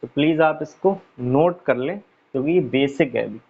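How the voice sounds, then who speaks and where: A man teaching an English pronunciation lesson, repeating words slowly as he writes them out. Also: mid-range voice, slightly rough. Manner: repeats words slowly while writing on a board, frequent 'theek hai'. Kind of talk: casual online lesson. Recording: dull lo-fi recording.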